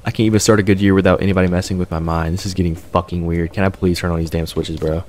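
A man's voice: sits low, fairly even intonation, very fast, darkish tone, slight background noise. A man streaming a horror game with scared, jittery reactions, repeating himself and speaking in profane, slangy commentary.

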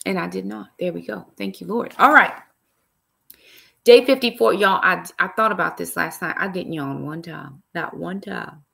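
With a lowish, creaky yet bright voice and a forceful tone, a middle-aged woman talks at normal speed. She's an author running a casual live stream from a small room, sitting in an armchair, chatting to her laptop webcam and tossing in "y'all" and praise interjections.

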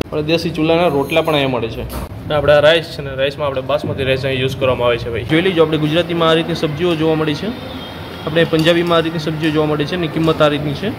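A chatty man in his thirties talks through a restaurant meal for his food vlog, his voice sitting a little high. He lists dish after dish as he eats. Steady background noise fills the roadside dining hall. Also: very fast. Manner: chatty, calls viewers brother, lists dishes. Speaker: food vlogger.

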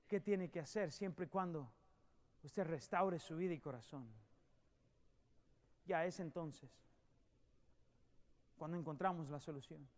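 A man preaching a sermon as a pastor, swinging from loud emphatic peaks to hushed storytelling. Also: fairly high pitch. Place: church sanctuary.

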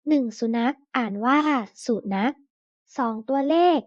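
A woman reading a children's story aloud slowly and clearly, then reading a list of vocabulary words. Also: sits high, steady tone, no echo, highs cut off.

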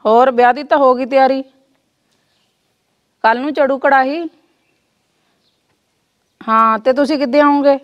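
A woman playing a young daughter-in-law who speaks softly and calmly, with a Punjabi village accent. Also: sits high, unhurried, pauses often, muffled recording. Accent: Punjabi village speech. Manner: soft, placating, hushing others.

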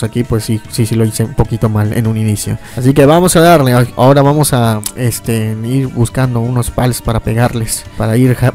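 A man giving casual, excitable gameplay commentary, often yelping and laughing at the game. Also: mid-range voice. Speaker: gaming YouTuber.

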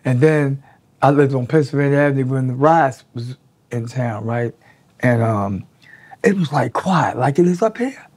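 A man's voice: medium pitch, moderate pace, husky. A man in his sixties, seated in an indoor studio, telling stories in a casual, profane way and acting out the voices of the people he quotes. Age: 60s. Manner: animated, profane storyteller who acts out quotes. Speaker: interviewee. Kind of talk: casual storytelling interview. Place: indoor studio in front of a draped backdrop.

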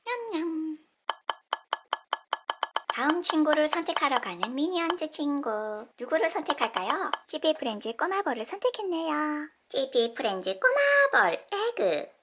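A woman's voice: high-pitched, very animated, moderate pace, a bit bright, slight background noise. A woman hosting a toy unboxing video, narrating cheerfully for children with playful exclamations. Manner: playful, exclaims often, talks to kids.

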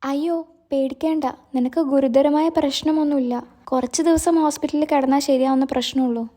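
A man's voice: very high-pitched, steady tone, fairly quick, mellow. A woman voicing a worried, kind-hearted young man who hit a girl with his car, speaking earnestly and apologetically. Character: young man, anxious but kind driver.

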